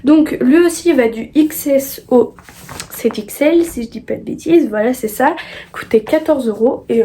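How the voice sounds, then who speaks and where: High-voiced young woman, hesitant. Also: warm tone, slight background noise. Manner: hesitant, many fillers and restarts. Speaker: sewing vlogger. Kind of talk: casual haul chat.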